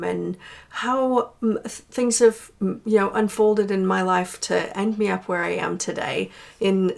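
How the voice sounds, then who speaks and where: A middle-aged woman from Portland, Oregon, with an accent that drifts between American and British, telling her life story to camera in a chatty, halting way. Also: mid-range voice, vocal fry. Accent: mixed American and British. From Portland, Oregon, United States. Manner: warm, chatty, slightly halting with fillers.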